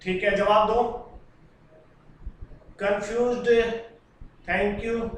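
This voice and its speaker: A man's voice: sits high, level tone, drawn-out words, distant mic. A man teaching a live online class, answering students' comments in a chatty, fatherly way. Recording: very echoey room, voice from away from the mic.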